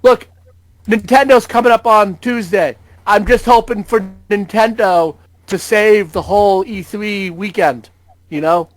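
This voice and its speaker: High-voiced man in mock-dramatic doom. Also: measured pace, no echo. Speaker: podcast co-host. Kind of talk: casual gaming podcast chat.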